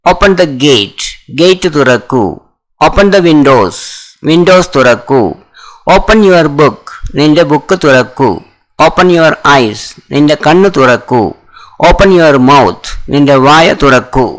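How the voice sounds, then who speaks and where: Very slow Malayali man reading phrases. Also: fairly high pitch, lively intonation, poor audio. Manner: reads each short command, then its translation. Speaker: language teacher.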